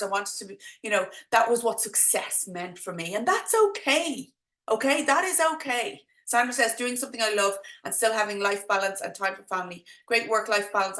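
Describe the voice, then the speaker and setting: Speaking straight to her online audience, a coach with a strong Dublin accent hosts a casual live workshop and keeps her tone encouraging. The recording sounds roomy, and her mid-range voice comes across a bit bright.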